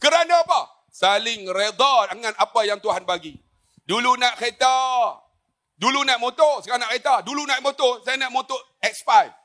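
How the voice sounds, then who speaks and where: Sharp in tone and very high-pitched, this man in his 50s talks at normal speed as a religious speaker on a forum panel. His talk is jokey storytelling, full of stories and often addressed straight to the audience.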